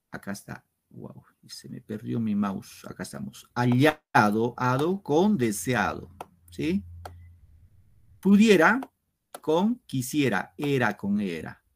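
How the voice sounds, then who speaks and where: A male teacher giving an online literature class, explaining slowly and step by step to his students. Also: medium pitch, creaky. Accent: Peruvian Spanish. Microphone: computer mic on a video lesson.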